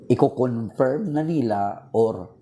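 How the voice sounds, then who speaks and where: A man's voice: mid-range voice, slow pace, mellow, a little hiss or hum. A man giving an informal religious talk from home, earnest and repeating key points for emphasis, his voice strained.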